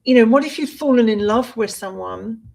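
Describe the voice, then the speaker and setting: A woman from Britain co-hosting a casual podcast chat, talking in an animated way with restarts and laughs. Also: fairly high pitch, fairly quick, creaky, low-quality recording. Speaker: co-host.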